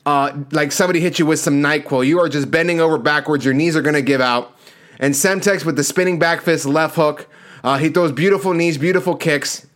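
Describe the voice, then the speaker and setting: A man with a somewhat high-pitched voice delivers casual sports commentary. He talks through his fight picks conversationally, leaning hard on key words and using plenty of slang. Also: a bit bright. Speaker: sports show host.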